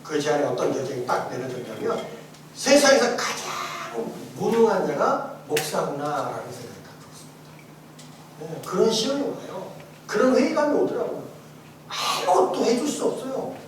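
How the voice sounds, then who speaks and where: A male pastor giving a testimony sermon, animated and emphatic, shifting from shouts to soft asides and laughing often. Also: high voice, moderate pace, a little hiss or hum. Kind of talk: testimony sermon in a church training course. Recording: echoey church hall, mic far off.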